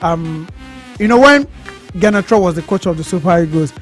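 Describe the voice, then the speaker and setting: A man's voice: high voice, animated, normal speed, soft background music. A Nigerian man giving blunt, critical opinions in a sports radio studio debate, often repeating himself. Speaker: studio pundit.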